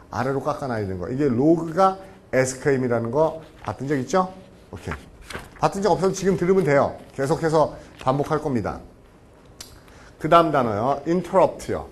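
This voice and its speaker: Animated male vocabulary lecturer. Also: fairly high pitch, a little hiss or hum. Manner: animated, keeps asking the class rhetorical questions. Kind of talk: lively lecture with acted anecdotes.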